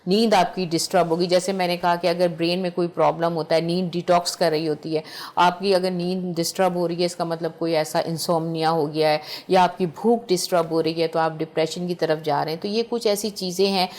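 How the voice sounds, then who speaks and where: Low-voiced Pakistani woman doctor explaining. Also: steady tone, a little mellow. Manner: explanatory, lists points methodically. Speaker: doctor guest. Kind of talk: explaining symptoms on a TV talk show. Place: TV studio.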